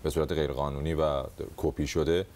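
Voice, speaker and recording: A man hosting a comedy talk show, interviewing a guest in a playful, teasing way. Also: very deep voice. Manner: teasing, jokey, animated asides. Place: TV studio.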